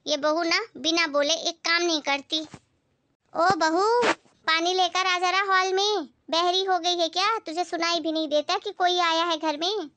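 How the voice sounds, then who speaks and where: A woman playing a sharp-tongued, complaining middle-aged mother-in-law in a comedy skit. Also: extremely high pitch, fairly even intonation, normal speed, few pauses.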